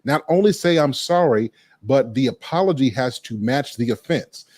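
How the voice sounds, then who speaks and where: A man's voice: medium pitch, animated, moderate pace, darkish tone. A man hosting a relationship talk show, laying down firm advice and repeating key points for emphasis. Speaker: host.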